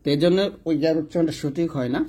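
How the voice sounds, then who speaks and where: A man teaching Quran recitation step by step, slowly sounding out Arabic letters and explaining how each is pronounced while pointing at a diagram. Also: a little high, fairly even intonation, dark tone, husky.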